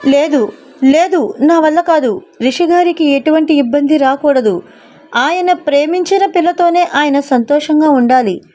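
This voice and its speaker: A woman's voice: high voice, a little slow, warm tone. A woman voicing a heartbroken, self-sacrificing young woman who pleads emotionally in a storybook reading. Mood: pleading.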